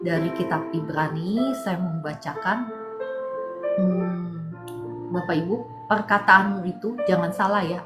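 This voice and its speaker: A woman preaching a sermon in an earnest, coaxing way, often asking her listeners to agree. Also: mid-range voice. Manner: earnest, coaxing, repeats "ya kan". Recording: echoey hall with soft music.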